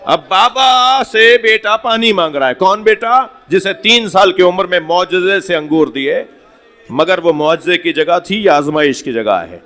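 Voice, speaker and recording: High-voiced man in impassioned mourning sermon. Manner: impassioned, rising to shouted lament. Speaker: Shia cleric giving a majlis. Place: mosque hall at a gathering.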